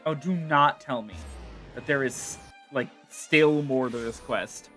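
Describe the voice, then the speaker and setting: Brief: chatty male streamer, bright voice, faint game music behind. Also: medium pitch, slow. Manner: chatty, wry, self-correcting asides. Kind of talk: casual gameplay commentary.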